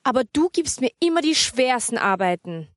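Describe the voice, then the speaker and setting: A sulky young girl from a storybook reading protests in a high, whiny voice, as a woman puts her on. The sound is dry and close, with no room around it. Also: sing-song, normal speed, no room sound. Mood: indignant.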